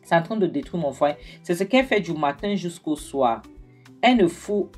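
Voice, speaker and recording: A woman with a notably low, deep voice talks her viewers through the plot of a series in a chatty, familiar way. She slips the characters' lines into her retelling and adds affectionate asides. A little music sits faintly underneath. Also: expressive, fairly quick, darkish tone. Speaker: video reviewer recapping a TV series. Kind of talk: casual spoken recap to viewers.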